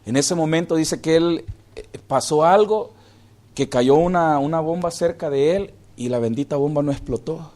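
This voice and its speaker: A male pastor preaching a sermon, calling listeners "hermano" as he moves between hushed and raised delivery. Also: a little high, normal speed.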